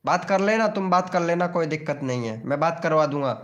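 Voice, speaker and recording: A man's voice: fairly high pitch, expressive, a little fast. A young man hosting a casual live stream, joking and teasing viewers by name.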